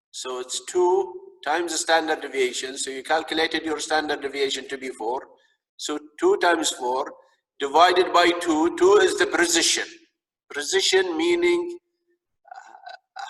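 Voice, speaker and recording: Male instructor with an arabic accent, bright higher voice, repeats himself searching for words. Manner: repeats words and stumbles as they search for phrasing. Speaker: instructor teaching a training course. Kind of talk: live lecture with audience questions. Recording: distant, echoing reverberant sound.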